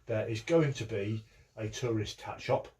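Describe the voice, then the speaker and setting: A man's voice: lowish voice, measured pace, a little mellow, far from the mic. A man playing a tabletop game, rambling and joking with restarts. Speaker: player. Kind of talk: casual tabletop role-play.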